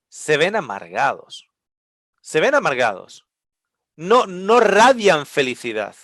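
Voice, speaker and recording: A man preaching a sermon with passion, moving between loud outbursts and hushed, quiet lines. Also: a little high, dry recording.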